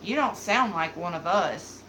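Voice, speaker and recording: Hosting a beauty live stream, this thirties-aged woman from the American South chats and rambles with plenty of fillers as she reads comments, her light Southern accent audible. Her lowish voice has lively intonation, a slightly slow pace, and a pushed, bright quality. Low-quality audio carries a little hiss or hum.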